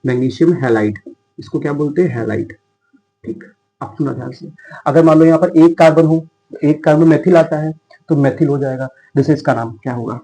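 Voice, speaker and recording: A man's voice: on the high side, moderate pace, warm tone, faint music behind, low-quality recording. A man teaching chemistry in a casual, chatty lecture style, talking to students as he writes.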